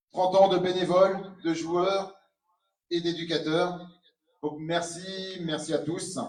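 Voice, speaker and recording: A man giving a halting welcome speech as co-president of a tournament. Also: on the high side, a little mellow. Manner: slow, halting, many fillers. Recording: echoey hall from far off, faint noise.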